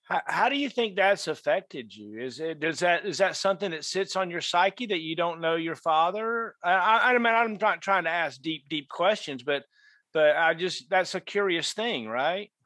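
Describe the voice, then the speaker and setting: A man hosting a conversation, his voice bright and fairly high. He asks questions in a friendly, slightly tentative way, and the sound is dry and close. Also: animated, normal speed, no room sound. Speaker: podcast host and interviewer. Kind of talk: casual interview questions.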